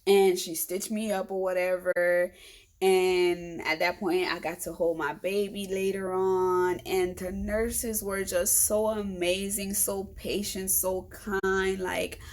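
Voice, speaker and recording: A woman's voice: medium pitch, slow pace. A woman vlogger telling a story casually to her viewers in a chatty, frank and humorous way, acting out the lines of other people. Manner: animated, chatty, acts out quoted dialogue.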